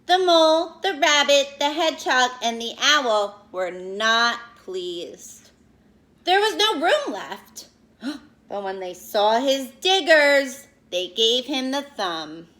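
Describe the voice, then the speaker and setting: Reading a picture book aloud for young children, a woman uses an expressive, teacherly style and pauses to explain and ask questions. Her voice sits high.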